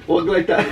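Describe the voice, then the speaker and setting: Guy with a high voice joking around with his girl, laughing a lot, bit far from the mic. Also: noisy background. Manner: teasing, laughing, exasperated outbursts. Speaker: co-host of couple channel. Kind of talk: casual couple banter.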